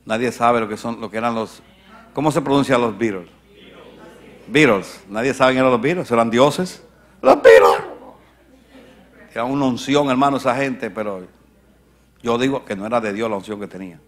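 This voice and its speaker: A man delivers a church sermon in the voice of a pastor, his pitch sitting in a middle range for a man. He leaps from loud, high-pitched exclamations down to soft, hushed lines, and keeps breaking off to put chatty questions to the congregation. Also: fairly quick. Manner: dramatic swings from shouting to near whisper; conversational asides to the congregation.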